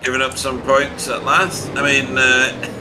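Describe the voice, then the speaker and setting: A man's voice: medium pitch, very noisy. A man commentating on a sim race, chatty and jokey, reading out results with frequent laughs.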